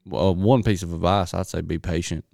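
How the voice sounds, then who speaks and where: A man's voice: low-pitched, fairly even intonation, moderate pace, gravelly, a little mellow, no room sound, studio quality. A man with a Southern US accent chatting casually in a laid-back, colloquial way. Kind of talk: casual chat.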